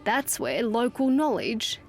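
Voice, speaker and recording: A woman's voice: a little high, big pitch swings, takes it slowly. An Australian woman narrating a scripted television news feature as a reporter. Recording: music under the voice. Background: music.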